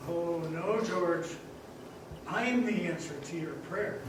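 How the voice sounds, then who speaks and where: A man's voice: a little high, slow pace, noisy background. A man playing an eager, innocent old apprentice angel in a live radio drama, earnest and chirpy. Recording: echoey theater stage from a distance.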